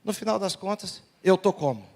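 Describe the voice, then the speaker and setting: A man's voice: sits high, lively intonation, moderate pace, gravelly, darkish tone. A male pastor preaching a sermon in a church, telling humorous family stories and acting out the dialogue. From Brazil. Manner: storytelling, humorous, acts out dialogue. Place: large church sanctuary. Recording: long church hall reverb.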